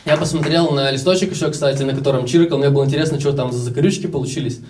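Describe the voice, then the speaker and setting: A man's voice: mid-range voice, steady tone, racing, recorded from a distance, very noisy. A young Russian man in his twenties telling stories casually in a stand-up comedy set, acting out the voices of other people. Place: live comedy show with audience.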